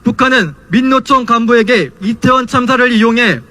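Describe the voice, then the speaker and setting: High-pitched young man giving a rally speech. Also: brisk, pushed and bright. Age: young adult. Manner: impassioned, declamatory rhetorical questions. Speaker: student speaker at a political rally.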